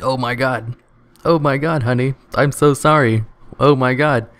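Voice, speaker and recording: A man reading the lines of a middle-aged sitcom husband who cracks quick quips and then pleads. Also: medium pitch, lively intonation. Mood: pleading.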